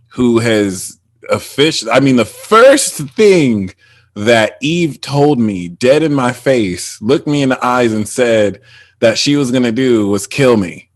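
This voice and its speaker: A man's voice: fairly low pitch, no echo. A man hosting a casual spiritual conversation, rambling with many fillers and restarts. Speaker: podcast host.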